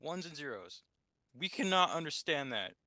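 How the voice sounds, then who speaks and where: A man's voice: on the high side, big pitch swings, moderate pace, pushed and bright, no echo, studio quality. A young adult man chatting eagerly, jumping in and swearing now and then. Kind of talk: casual chat.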